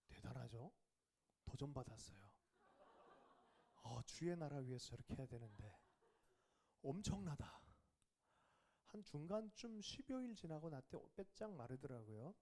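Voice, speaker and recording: A man pastor preaching a revival sermon who questions the congregation and drops to a whisper for quiet asides. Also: medium pitch. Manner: questions the congregation and asks for replies.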